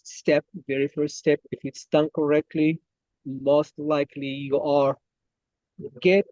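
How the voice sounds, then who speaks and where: A man's voice: fairly high pitch, mellow, no room sound. Guy from morocco presenting on a webinar, lots of ums, dull lo-fi call sound, dry. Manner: halting, many fillers and restarts. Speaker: guest speaker. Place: coffee shop. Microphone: online call.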